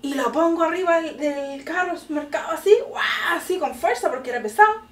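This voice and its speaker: A middle-aged woman with a Chilean accent, telling a story to her daughter in casual chat, animated and laughing often. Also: very high voice, fast, recorded from a distance. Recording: echoey room, voice from off the mic.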